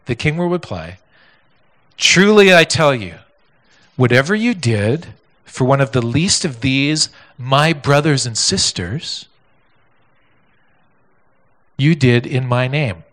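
A male pastor telling a story in a sermon, animated and full of repeats and restarts. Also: mid-range voice, unhurried. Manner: animated, repetitive, with many restarts.

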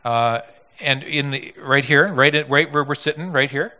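A male pastor telling a story in a sermon, animated and full of repeats and restarts. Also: mid-range voice, normal speed. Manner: animated, repetitive, with many restarts.

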